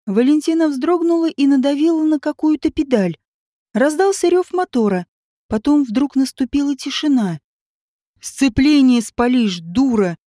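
A woman reading a novel aloud as an audiobook narrator in a steady storytelling manner. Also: sits high, normal speed, no echo, clean studio sound. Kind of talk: scripted narration.

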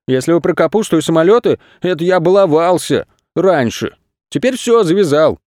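A man's voice: fairly high pitch, animated, moderate pace, darkish tone, dry recording, studio quality, pitched above the performer's own voice, close to an everyday voice. A man voicing a hapless male goat who used to be a rascal, protesting in a children's story.

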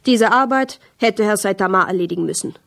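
A woman's voice: medium pitch, a little fast, gravelly. A woman voicing a furious, bellowing fat male vice-president in a radio play, speaking with contempt. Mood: scornful. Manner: shouting, contemptuous.

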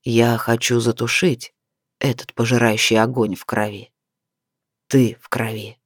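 Brief: fierce possessive werewolf man for an audiobook, dropped low and slow, as the narrator plays him, dry close sound. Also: flat delivery, no echo, close to an everyday voice. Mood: menacing.

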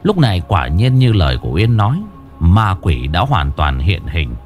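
A man narrating a horror story in a dramatic, measured way. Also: low voice, very animated, soft background music.

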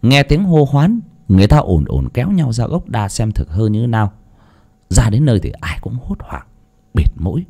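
A man reading a story aloud as an audiobook narrator, in an expressive, dramatic way. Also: lowish voice, normal speed, vocal fry.

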